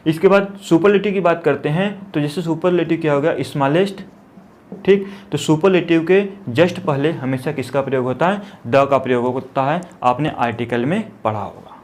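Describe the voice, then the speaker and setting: A man teaches English grammar in a classroom-style lesson, his voice sitting a little high. He draws out each example word slowly and often stops to check whether the class is following. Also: darkish tone.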